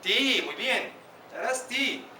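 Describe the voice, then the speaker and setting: Bright-voiced male teacher, echoey classroom. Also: extremely high pitch, expressive, distant mic, a little hiss or hum. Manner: asks students questions by name, drills pronunciation slowly. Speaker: Arabic teacher. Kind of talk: classroom lesson.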